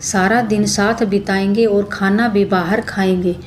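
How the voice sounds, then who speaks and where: A woman's voice: medium pitch, steady tone, measured pace, slight background noise, lightly acted. Woman reading as an earnest middle-aged husband. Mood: fond. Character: grieving then loving husband, middle-aged man.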